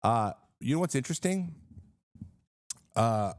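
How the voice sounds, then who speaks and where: A man's voice: mid-range voice, lively intonation, measured pace, dry recording, clean studio sound. A man in his thirties hosting a casual sports live stream, rambling with fillers and restarts and greeting viewers in the chat.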